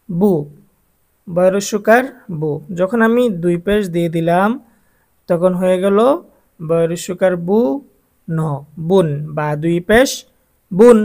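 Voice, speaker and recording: A man's voice: high voice, vocal fry. A man with a Bangladeshi Bengali accent teaching Quran reading to adult beginners, drilling letter sounds patiently one by one. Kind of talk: slow, patient recitation lesson for adult beginners.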